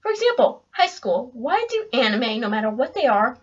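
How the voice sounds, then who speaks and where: A young woman reviewing an anime in a chatty, excitable way, talking straight to her viewers. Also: on the high side, normal speed. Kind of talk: casual video review. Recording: dull lo-fi home recording.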